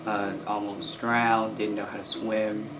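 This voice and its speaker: Lowish guy, flat voice, earnest interview, music behind. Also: unhurried, poor audio.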